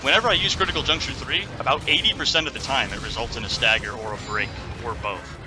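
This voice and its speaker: A man hosts a gaming video with casual, running commentary at a middling pitch. He talks in an opinionated way and swears freely, with game music clearly playing behind his voice. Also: fast. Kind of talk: casual game commentary over live play.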